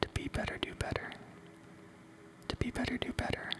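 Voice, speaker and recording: Speaking a little fast, an ASMR host whispers encouragement in a breathy, unvoiced tone, repeating motivational phrases again and again.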